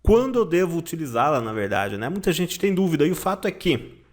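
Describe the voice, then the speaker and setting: A man's voice: a little high, very animated, fairly quick. A man teaching a German lesson online, explaining patiently and checking in with "tá?" and "né?".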